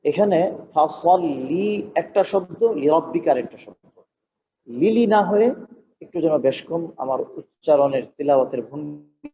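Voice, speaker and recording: A man's voice: on the high side, normal speed, warm tone. A man, an imam, teaching Quran recitation. He explains patiently and chants the verses long and drawn out. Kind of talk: slow Quran recitation lesson. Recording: dull lo-fi recording with faint noise.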